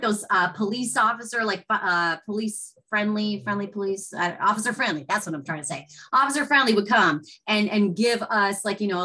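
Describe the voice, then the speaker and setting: A woman's voice: mid-range voice, pushed and bright, poor audio. A woman giving a webinar presentation as a teacher, telling stories in a chatty, enthusiastic way.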